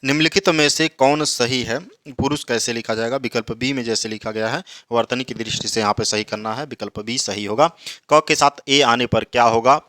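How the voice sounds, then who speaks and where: A man's voice: medium pitch, fairly even intonation, bright, forceful tone, dry recording, studio quality. A man teaching, reading each exam question and then explaining its answer. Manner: slow drawn-out recitation of verses.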